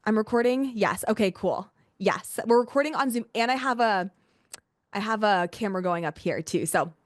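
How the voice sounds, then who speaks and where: A woman's voice: mid-range voice, no echo, studio quality. Chatty woman hosting a casual online workshop. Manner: informal and gushing, frequent "like" and repeated exclamations. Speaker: workshop host and coach. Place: live video-call session with a camera, indoors.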